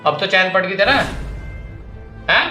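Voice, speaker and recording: A man's voice: high voice, lively intonation, measured pace, pushed and bright, muffled recording, soft background music, exaggerated voice. An actor playing a young husband who sternly lectures his wife to respect his elder brother, in a scripted family comedy scene. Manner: scolding, lecturing, insistent.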